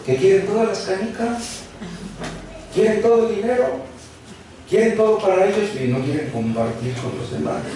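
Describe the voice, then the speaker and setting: A man's voice: high voice, normal speed, long pauses, dark tone, a little hiss or hum. A man preaching a sermon as pastor, asking the congregation rhetorical questions and acting out quoted speech. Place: church hall. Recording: roomy church sound from a distant mic.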